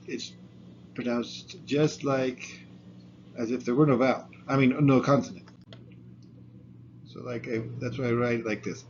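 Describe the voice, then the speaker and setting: A man teaching a language pronunciation lesson, patiently sounding out syllables and asking the listener to repeat. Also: medium pitch. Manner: patient, repeats syllables slowly, chuckles at own slips. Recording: dull lo-fi sound, faint room noise.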